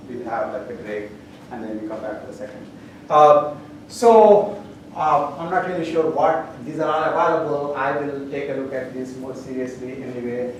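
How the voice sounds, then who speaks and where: A man's voice: mid-range voice, slight background noise. A man with an Indian accent, a university professor giving class announcements in a rambling way with many fillers and dry humor, heard from a distant camera in a lecture hall.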